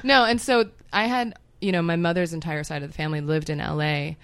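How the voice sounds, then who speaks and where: A woman's voice: deep voice, fairly even intonation, fairly quick, smooth, no echo. A woman in her thirties who grew up in Hong Kong, chatting as a podcast guest in a wry, self-mocking way and swearing freely. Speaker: guest writer. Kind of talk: casual podcast chat.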